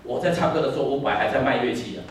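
A Taiwanese man in his fifties with a Taiwanese Mandarin accent preaches an animated sermon in a church hall, telling stories, slipping into Taiwanese, and singing snatches. His mid-range voice races along, recorded from a distance in an echoey hall with a little hiss or hum.

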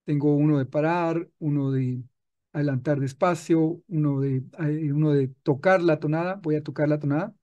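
In a screen-recorded tutorial, a man patiently walks through music software one step at a time, often restarting his sentences. His voice is a little high and steady, at a normal speed, with lo-fi sound.

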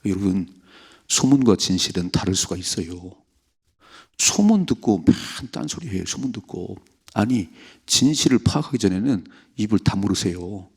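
A middle-aged man preaching an early-morning sermon with a gravelly, husky, fairly low voice. He is emphatic, acting out prayers and rebukes along the way. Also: animated, moderate pace. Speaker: pastor.

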